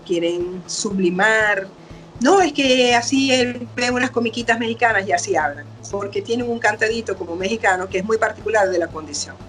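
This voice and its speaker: A middle-aged woman doctor, explaining patiently in an interview. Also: medium pitch. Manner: patient, explanatory, acts out quoted parents and children. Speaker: doctor, guest expert. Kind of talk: explaining casual interview talk.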